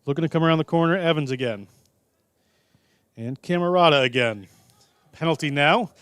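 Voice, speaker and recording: A man calling live rugby play-by-play in a brisk, jokey way. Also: on the high side, a bit bright, smooth, no echo, clean studio sound. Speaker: play-by-play commentator.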